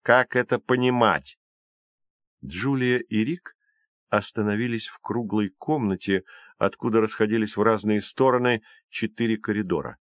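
Man, audiobook narrator, measured, expressive, low voice, dry studio sound. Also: no echo. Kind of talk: storybook narration.

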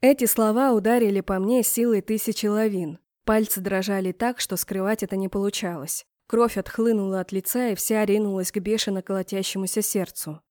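A woman reading a first-person audiobook with even storytelling that lifts for tension, close on the mic. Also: mid-range voice, brisk, few pauses, no room sound. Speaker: audiobook narrator.

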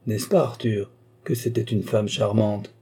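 A man voicing a blustering, hearty old gentleman card player in an audiobook, boisterous and full of exclamations. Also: on the low side, steady tone, measured pace, vocal fry, slightly rough, full character voice. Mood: insistent.

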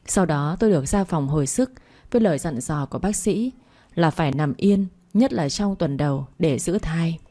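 Low-voiced woman reading a dramatic story. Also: dark tone. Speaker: narrator. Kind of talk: first-person audio story reading.

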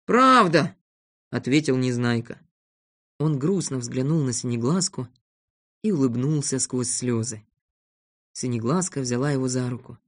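A reader calmly narrating a children's storybook. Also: medium pitch, normal speed, pauses often.

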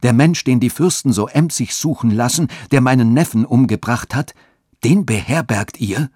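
Shocked accusing churchman, voiced by a male narrator, incredulous questions, low pitch. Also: lively intonation, a little slow, mellow, husky, no room sound, studio quality.

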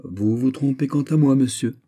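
A man voicing a calm, dignified young gentleman in a storybook reading. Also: medium pitch, moderate pace, voice pushed up, natural voice. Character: composed young male gentleman.

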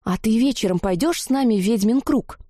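A squealing young blonde witch, gushing and jealous, her voice pitched high and slowed into a drawl, as a woman narrator puts her on in a fantasy storybook. The underlying tone stays mellow and the sound dry. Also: no room sound, natural voice. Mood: pouting.

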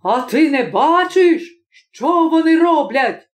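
A woman voicing a nervy, stern middle-aged male prosecutor who shouts in outrage at his children, in an audiobook story. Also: high voice, lively intonation, takes it slowly, voice pushed up. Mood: furious.

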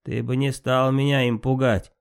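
This audiobook narrator is a man whose medium-pitched voice is flat, smooth and natural, with some vocal fry at a moderate pace. His character is an insolent, spiteful fire trickster god who retorts scornfully, and the delivery stays mocking and defiant.

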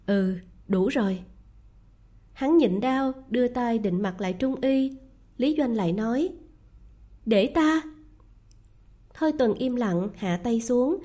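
A woman reads a romance novel aloud in a soft, measured, even style. Her voice sits fairly high, with a mellow, dark tone. She keeps a steady storytelling pace throughout. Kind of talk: scripted narration of a romance novel.

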